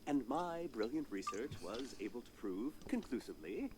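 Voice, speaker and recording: An actor playing a vain, pompous hologram doctor in a video game, boasting in a self-satisfied way. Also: male voice, mid-range voice, big pitch swings, normal speed, heavy background noise, close to an everyday voice.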